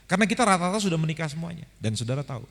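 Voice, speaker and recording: A male pastor giving a humorous sermon at a seminar, telling animated stories and speaking straight to the audience in a large hall. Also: fairly high pitch, racing, vocal fry. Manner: animated storyteller, addresses audience directly. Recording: echoey hall with faint music.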